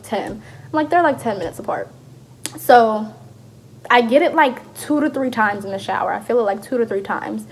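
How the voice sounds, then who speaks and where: A woman's voice: a little high, breathy edge. Chatty young woman telling a story. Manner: chatty, acts out quoted dialogue. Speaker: vlogger. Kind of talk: casual storytime.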